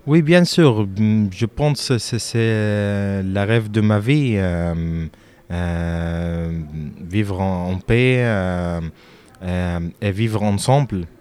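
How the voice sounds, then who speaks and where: A man from Lebanon answering interview questions about his music, speaking haltingly with frequent fillers and restarts. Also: fairly low pitch, a little mellow, smooth.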